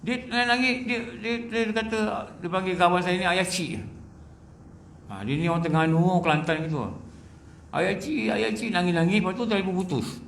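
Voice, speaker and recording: A man's voice: high voice, fairly quick, a bit bright, reverberant, slight background noise. A man with a Malaysian Malay accent giving a religious lecture, telling stories in a conversational way and repeating phrases for emphasis.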